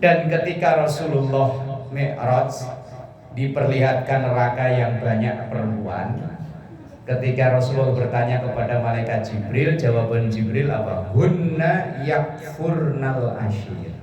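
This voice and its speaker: Speaking unhurriedly in a mid-range voice, a man explains Quran verses one phrase at a time, keeping his informal sermon conversational and full of jokes. He is an Islamic preacher addressing a congregation in an echoey room. The mic sits at a distance, and a crowd murmurs in the background.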